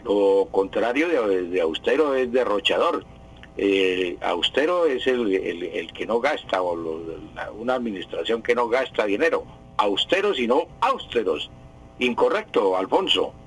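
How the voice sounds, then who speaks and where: A man's voice: lowish voice, expressive, measured pace, husky, low-quality recording. A man, a language professor on a radio show, explaining correct usage in a didactic way and repeating the right form. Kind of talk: radio language advice segment.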